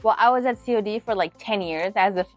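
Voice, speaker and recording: A woman's voice: medium pitch, fast, faint music behind. A woman in her thirties, a guest in a casual interview, talking chattily and laughing often. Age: 30s. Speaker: guest, teeth-whitening entrepreneur.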